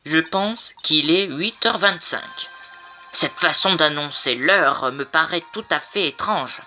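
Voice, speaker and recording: A man's voice: a little high, slow, sharp tone, faint music behind, exaggerated voice. A man reading an earnest stammering young lawyer. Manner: stammering, hesitant. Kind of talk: amateur game voice-over.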